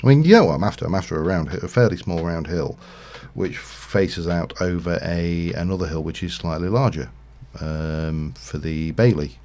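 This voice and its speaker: A man's voice: low voice, normal speed, few pauses, darkish tone. A man casually commentating his Minecraft livestream, rambling and thinking aloud with lots of fillers. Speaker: streamer.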